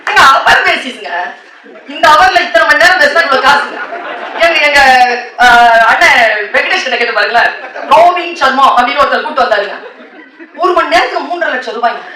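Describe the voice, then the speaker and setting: A woman giving a motivational speech to an audience, telling stories in a lively way and mixing in English words. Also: high voice, a little hiss or hum. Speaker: motivational speaker. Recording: echoey hall, distant mic.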